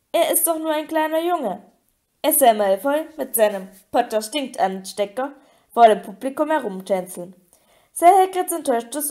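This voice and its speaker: A woman narrating an audiobook with a steady, expressive reading. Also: on the high side. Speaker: audiobook reader.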